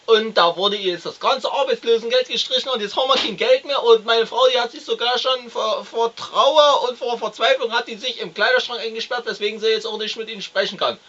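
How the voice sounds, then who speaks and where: A man's voice: very high voice, brisk, hardly any pauses, pushed and bright, muffled recording, voice pushed up, full character voice. A man playing a callous, lazy young unemployed father in a comedy sketch, complaining and stammering. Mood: indignant, complaining.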